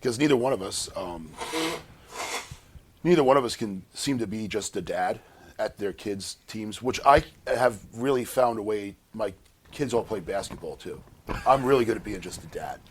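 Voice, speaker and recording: A man's voice: on the low side, expressive, moderate pace. Laid-back middle-aged man, faint noise. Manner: laid-back, hesitant starts, dry humor. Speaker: podcast co-host. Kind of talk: casual chat.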